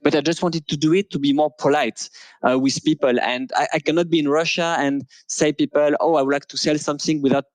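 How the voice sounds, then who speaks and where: A man's voice: on the high side, fairly even intonation, no room sound, rough recording. Hesitant man with a French accent. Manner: hesitant, many pauses and restarts. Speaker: interview guest. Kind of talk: casual conversation.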